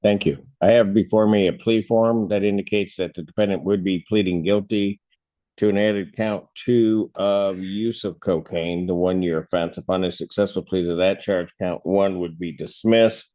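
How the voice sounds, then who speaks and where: A man presiding as a judge at a plea hearing, asking formal questions in a measured way, heard through a courtroom recording. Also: sits low, fairly even intonation, warm tone. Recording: dull courtroom audio recording.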